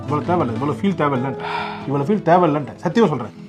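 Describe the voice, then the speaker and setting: A young man acting in a comedy sketch, talking in an exasperated, rambling way with sudden loud outbursts. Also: on the high side, lively intonation, racing. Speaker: comic sketch actor playing a father. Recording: background music under the voice. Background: background music.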